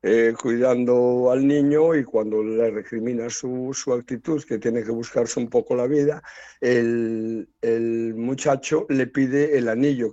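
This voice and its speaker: A man, telling a folk tale in conversation in a wry, unhurried way. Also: mid-range voice, mellow, dry recording. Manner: unhurried, wry storytelling with quoted voices. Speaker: storyteller. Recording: dull lo-fi, dry sound.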